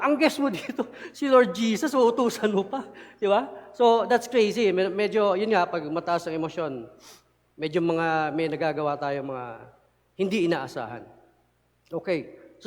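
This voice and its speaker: A man preaching a sermon as a church elder, switching between two languages and often asking his listeners rhetorical questions. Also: high-pitched. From Philippines. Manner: mixes Tagalog and English, asks listeners rhetorical "di ba?" often; animated, chuckles while explaining. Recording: long reverb of a church hall.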